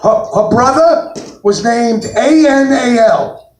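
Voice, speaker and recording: A man doing a stand-up comedy set on a brewery stage, talking in a brash, blunt New York manner with loud punchlines. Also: very high voice, takes it slowly. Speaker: stand-up comic. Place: brewery stage, live room. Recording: roomy live venue, mic at a distance.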